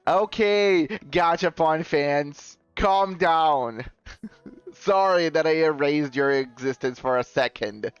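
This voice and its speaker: A man with a higher-pitched voice talks slowly and cleanly, with no echo, as he chats casually with viewers on a live stream. He rambles and often corrects himself with a chuckle, over dull lo-fi stream audio with faint music.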